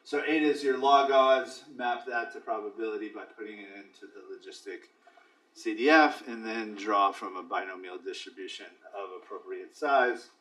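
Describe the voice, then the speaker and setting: A man's voice: on the low side, moderate pace, a bit bright, far from the mic. A man giving a statistics class lecture, explaining step by step with dry asides. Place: lecture hall. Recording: echoey classroom recorded from afar.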